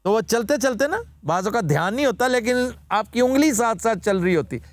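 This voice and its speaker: A man hosts a studio talk show and explains word origins like a teacher. His voice sits high and swings widely in pitch. The sound is dry and close. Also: expressive, fairly quick, dry recording. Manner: explanatory, lecturing, formal Urdu vocabulary. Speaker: host.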